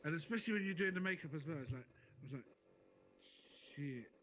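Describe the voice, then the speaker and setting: A man's voice: a little high, animated, very fast, fairly bright tone. A man co-hosting a casual chat, joking, rambling and swearing freely. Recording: dull lo-fi audio with noise.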